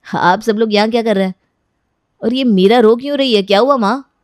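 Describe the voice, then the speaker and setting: A woman's voice: on the high side, a little fast, a little mellow, dry recording, clean studio sound, close to an everyday voice. Cartoon grown son, laid-back and reassuring; voiced by a woman. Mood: puzzled. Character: easygoing adult son of the family.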